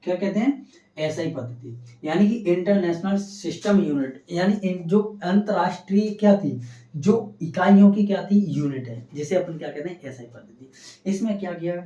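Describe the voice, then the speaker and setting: A man's voice: high-pitched, moderate pace, mellow. A man teacher quizzing and answering himself. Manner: poses questions and answers them himself, repeating key terms. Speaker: science teacher. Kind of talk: classroom lecture. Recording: echoey room, distant dull mic.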